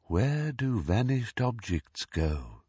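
A man voicing an enchanted eagle door knocker that speaks softly and musically. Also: medium pitch, very animated, husky, no echo, full character voice. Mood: serene. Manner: soft, slow, lilting. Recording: dull dry lo-fi recording.

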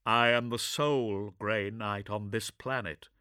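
A man voicing a cold, solemn armoured male warrior with a dry voice, slow and over-enunciating every syllable. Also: on the low side, steady tone, pushed and bright, clean tone, dry recording.

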